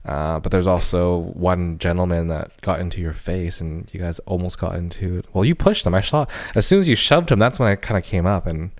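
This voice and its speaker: A man's voice: low-pitched, a little fast, hardly any pauses. A young man co-hosting a podcast, chatting casually and rambling with lots of hesitation. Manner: rambling, hesitant, many fillers and restarts. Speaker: podcast co-host. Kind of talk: casual chat.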